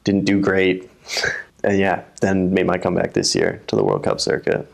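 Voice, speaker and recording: A man's voice: low voice, little pitch movement, moderate pace, gravelly. A young man from the USA talking casually as an interview guest, often restarting and repeating words. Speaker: guest, telemark ski racer.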